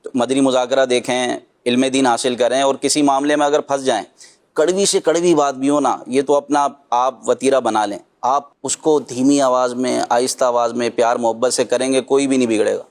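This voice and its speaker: A man hosting a religious discussion, gently advising and telling anecdotes. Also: mid-range voice, steady tone.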